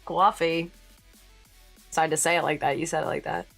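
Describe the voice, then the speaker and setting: A woman streaming live in casual chat. She answers chat as she works and jumps to sudden high exclamations. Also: level tone, racing, vocal fry, faint music behind. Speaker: VTuber streamer.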